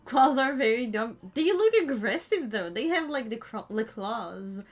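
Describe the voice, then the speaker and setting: A woman's voice: fairly high pitch, big pitch swings, moderate pace. A young woman streamer chatting casually as she reacts to videos, full of fillers.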